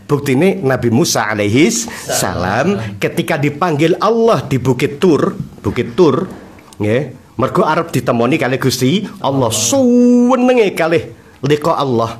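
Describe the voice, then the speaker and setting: A man preaches in a lively, storytelling way, acting out the people in his tales. His voice sits a little high and swings widely in pitch as he teaches a religious text. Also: normal speed. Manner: animated storytelling, acting out dialogue, frequent laughter from listeners. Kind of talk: humorous Javanese sermon lesson. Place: religious study gathering.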